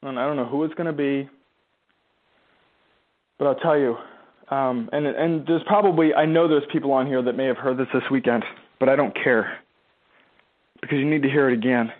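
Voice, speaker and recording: A man's voice: medium pitch, steady tone, moderate pace, pauses often. Emphatic man coaching over a tinny line. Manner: emphatic, conversational, asks rhetorical questions; mimics the listener's objections in a whiny voice. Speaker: business and marketing coach. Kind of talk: motivational live talk to followers. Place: a room at home, seated in a chair.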